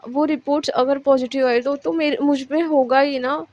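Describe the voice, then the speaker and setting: A woman's voice: sits high, steady tone, normal speed, a little mellow, dull audio, pitched above the performer's own voice, natural voice. A woman voicing a frightened young woman, tearful and desperate as she pleads. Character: frightened, tearful young woman pushing her lover away.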